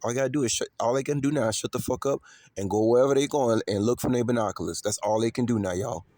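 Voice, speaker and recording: In a dry recording, a Chicago vlogger with a mid-range, darkish voice talks quickly and casually to his audience. He hammers his points repeatedly, throwing in street slang and swearing.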